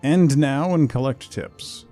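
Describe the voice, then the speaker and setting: A man streams a game while chatting casually, thinking aloud in short fragments. His mid-range voice is slow and dark, with music playing behind it.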